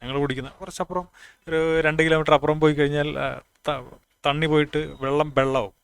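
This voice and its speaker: Speaking fast and smoothly at a fairly high pitch with a level tone, a Kasaragod man from northern Kerala gives an informal talk about language. He is plainspoken, reasons aloud and often restarts words, and the recording has no room sound.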